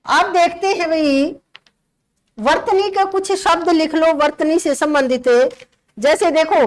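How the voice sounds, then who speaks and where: A woman teaching a grammar lesson for exam prep, with a slight tinge, explaining slowly and repeating key words for her students. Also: very high voice, poor audio.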